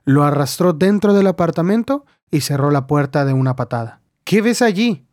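A male narrator reads a short story in a steady, measured way. His voice sits fairly high for a man. The recording is dry and close, with no room sound. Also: no echo. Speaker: audiobook narrator. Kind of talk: scripted narration.

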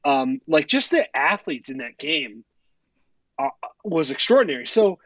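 A man co-hosting a sports podcast, telling stories in a rambling, profane, animated way. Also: a little high, measured pace, no room sound. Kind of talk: casual chat.

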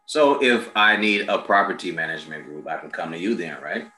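Man as interview host: very deep, bright-toned voice, blunt street talk, echoey room with faint hum. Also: a little fast. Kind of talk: casual interview.

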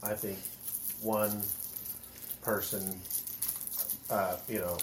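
A woman guest on a chat podcast, talking haltingly and repeating herself with lots of "I mean.". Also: a bass voice, level tone. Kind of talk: casual discussion. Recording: echoey room, faint noise.

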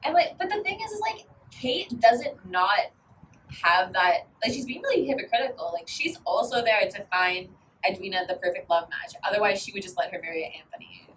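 A woman's voice: mid-range voice, expressive, brisk, fairly bright tone, distant mic, a little hiss or hum, rough recording. A young woman co-hosting a podcast, rambling casually and filling every gap with "like". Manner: rambling, heavy use of "like". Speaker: podcast co-host. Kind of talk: casual chat.

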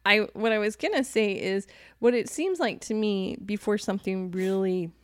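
A woman's voice: medium pitch, dry recording. A woman co-hosting a casual finance chat, joking around and adding her own stories. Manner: chatty and joking, adds stories and quick agreement. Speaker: co-host.

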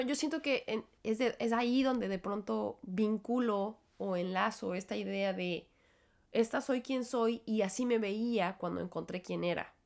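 A woman's voice: medium pitch, creaky, darkish tone. A young woman with a Mexican accent and a cold, hosting a reflective solo podcast and talking in a chatty, self-interrupting way. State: has a cold and a cough. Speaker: podcast host.

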